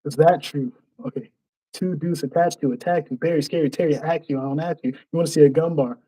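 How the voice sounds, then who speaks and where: Man reciting battle bars, mellow tone, fairly high voice, stops and restarts lines. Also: steady tone, fast talker, breathy edge, poor audio. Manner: rhythmic recital with frequent restarts and self-corrections; mutters to himself when he forgets lines. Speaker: battle rapper. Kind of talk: reciting and breaking down his own battle verses.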